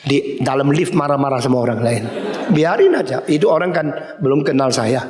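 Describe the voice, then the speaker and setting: A man's voice: medium pitch, expressive, normal speed, a crowd in the background. A man preaching a sermon as pastor, telling stories animatedly and acting out the voices of the people in them. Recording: reverberant hall.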